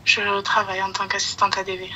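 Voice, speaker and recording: Bright, flat-toned woman caller. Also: mid-range voice, fast, breathy edge, dull audio. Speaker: caller asking for advice. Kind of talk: casual live call.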